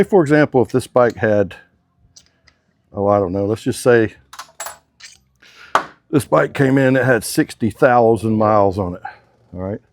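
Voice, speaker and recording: Mechanic, male, lowish voice, laid-back slangy shop talk, faint workshop noise behind. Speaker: motorcycle mechanic. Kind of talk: hands-on workshop demonstration.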